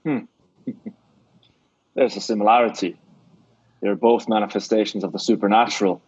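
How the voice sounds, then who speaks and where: A gruff Scottish theatre boss. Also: male voice, fairly low pitch, steady tone, moderate pace, darkish tone, no room sound. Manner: blunt, scolding, sly. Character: gruff middle-aged Scottish theatre owner, shrewd. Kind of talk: old-time radio drama acting. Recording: dull dry lo-fi radio recording.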